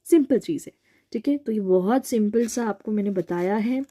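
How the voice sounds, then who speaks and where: A woman's voice: medium pitch, normal speed, dark tone. A woman teaching a casual language lesson in a chatty way, often checking in with her listeners as she explains. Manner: chatty, repeats "theek hai" often.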